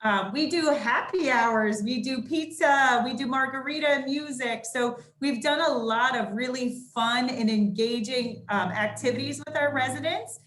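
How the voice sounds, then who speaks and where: A woman's voice: high voice, measured pace, few pauses, a bit bright. A woman speaking through a face mask, giving a welcoming presentation as a sales and marketing director on a video call. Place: indoors at a senior living community, on a video call. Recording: roomy echo.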